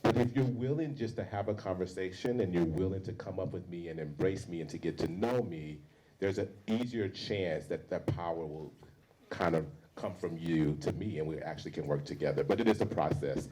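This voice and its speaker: A man tells a personal story to a panel audience, bringing each quote to life in turn. His voice sits a little low. A faint hiss runs under the recording. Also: a little fast, rough recording. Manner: animated storyteller, acts out quotes. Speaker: panel speaker; university teacher.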